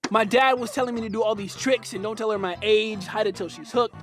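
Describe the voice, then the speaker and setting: A young man with a high, somewhat bright voice tells a comedic personal story at a quick pace, hosting his own channel. His delivery is playful, slangy and punchy, with faint music in the background.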